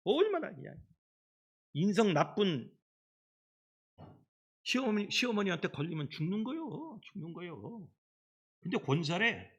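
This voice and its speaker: A middle-aged man preaching a children's Sunday sermon as pastor, in an animated storytelling manner. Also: high-pitched. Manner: animated storytelling, acts out quoted voices. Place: church sanctuary.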